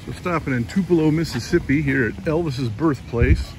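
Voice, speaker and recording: A man's voice: fairly high pitch, normal speed, poor audio. A middle-aged man vlogging a road trip, talking casually and rambling to a phone held at arm's length outdoors. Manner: chatty, rambling, self-talk with fillers. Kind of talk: casual travel vlog. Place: outdoors by a hotel parking lot. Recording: loud outdoor traffic and wind noise.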